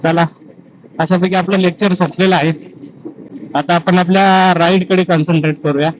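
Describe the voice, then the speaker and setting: A man's voice: high voice, steady tone, moderate pace. A man talking casually and reflectively on a solo road-trip vlog, outdoors on the move. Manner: reflective, gives life advice between road updates. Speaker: solo motorbike travel vlogger. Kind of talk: casual travel vlog talk. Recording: dull muffled audio, faint road and vehicle noise.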